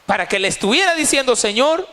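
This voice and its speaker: A man's voice: extremely high pitch, big pitch swings, quick pace, bright, forceful tone. A man preaching a sermon as pastor, emphatic and repeating key phrases. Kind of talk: sermon at a Bible study. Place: church. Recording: reverberant church hall.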